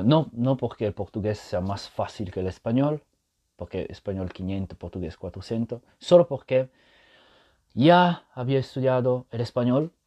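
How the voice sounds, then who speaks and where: A male host on a casual solo podcast speaks Spanish as a learned language, patiently explaining his point and regularly checking in with listeners. His voice is fairly low and warm.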